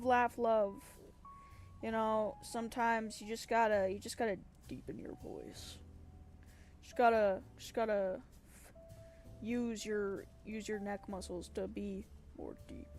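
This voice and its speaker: An American streamer and voice actor chats casually on a livestream about voice acting, rambling, playful and often correcting herself. Her voice is a little high with a darkish tone.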